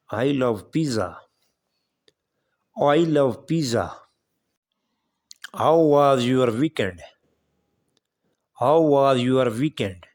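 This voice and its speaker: A male English teacher reads practice questions and answers at an extremely slow pace, saying every line twice with careful, deliberate delivery. His voice sits at an average pitch. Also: a little mellow. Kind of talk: reading practice dialogues for learners.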